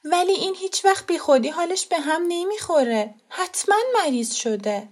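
A woman voicing a tired, patient mother who speaks softly and with care. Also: very high voice, animated, pitched above the performer's own voice. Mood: worried, gentle. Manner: soft, caring. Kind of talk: audiobook character voice.

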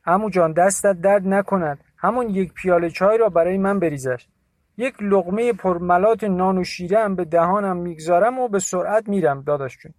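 A man voicing a cold, shivering village man with a hoarse voice in an audiobook. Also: high-pitched, a little mellow, no room sound, voice pushed up, close to an everyday voice. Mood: pleading. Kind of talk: audiobook character voice.

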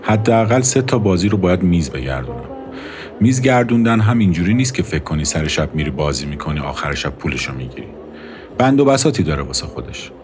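A man reading the part of a cool, sardonic young woman who runs card games, speaking dryly and quietly mocking, over faint music. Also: sits low, big pitch swings. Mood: dry, matter-of-fact. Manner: dry, quietly mocking, matter-of-fact.

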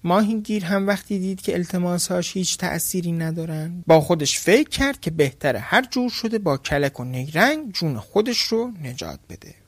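A man narrating a folk tale in a plain, calm storytelling manner for a podcast. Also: high voice, hardly any pauses, no room sound.

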